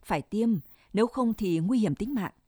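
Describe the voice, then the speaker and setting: A woman reading the part of a calm, kindly old male doctor in a told story, speaking reassuringly. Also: mid-range voice, normal speed, breathy edge, no echo, studio quality.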